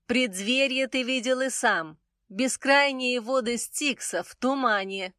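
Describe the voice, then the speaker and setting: Man playing a panther goddess of beauty, high raised voice, slow and languid, smooth and mysterious, dry close sound. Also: animated, sharp tone, no echo, full character voice. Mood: cool. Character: graceful half-panther goddess of beauty, female, cool and mysterious. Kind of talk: audiobook character voice.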